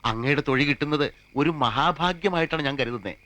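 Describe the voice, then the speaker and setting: A man's voice: on the high side, fast talker, sharp tone. An actor playing a man who begs an officer with grovelling, flowery pleas in a comic film. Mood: pleading. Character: fawning, theatrical man begging an officer.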